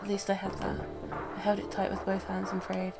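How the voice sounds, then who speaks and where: A woman streamer with a cold, reading a visual novel aloud in first person, with quick asides. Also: mid-range voice, completely flat delivery, gravelly, over loud music. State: has a cold.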